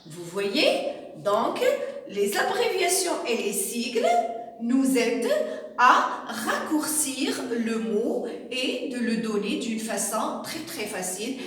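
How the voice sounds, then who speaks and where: Slow, lively-voiced woman teacher. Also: a little high, distant mic. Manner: slow, explains with examples and asks "D'accord?". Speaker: primary school teacher. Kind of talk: recorded classroom lesson. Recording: echoey room, voice from away from the mic.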